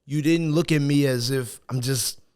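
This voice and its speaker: A man's voice: mid-range voice, normal speed, darkish tone, clear, resonant tone. A young man from Zimbabwe, a guest musician, telling stories in a humble, grateful way on a casual podcast.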